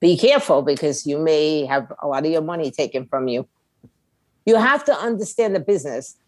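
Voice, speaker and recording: Speaking low, animated and fairly quick, a middle-aged podcast guest dispenses advice in a conversational interview. She's a music attorney who owns an indie label, and her blunt, streetwise style leans on rhetorical questions. There's no room sound.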